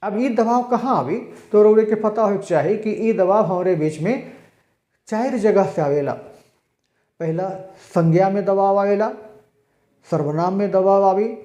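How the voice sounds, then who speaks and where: Slow-speaking male teacher. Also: high voice, dark tone, echoey room. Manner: slow explanatory lecturing with spoken examples. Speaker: language teacher. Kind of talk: recorded exam-prep lecture.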